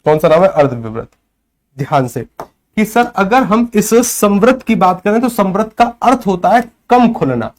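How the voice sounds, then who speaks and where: A male teacher with a somewhat higher voice, lecturing a class on grammar. He asks a question and answers it himself, over and over. He stops often to check that the class is keeping up. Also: sing-song, moderate pace.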